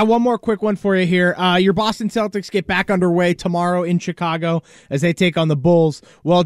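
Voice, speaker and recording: A man's voice: sits high, no room sound, studio quality. An American man reading a conversational sports update on a talk show.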